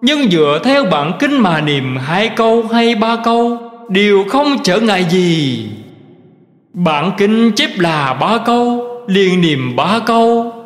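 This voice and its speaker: A man giving a slow, measured recitation of Buddhist teachings in a scripted reading style. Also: high-pitched, lively intonation. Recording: roomy recording with long reverb.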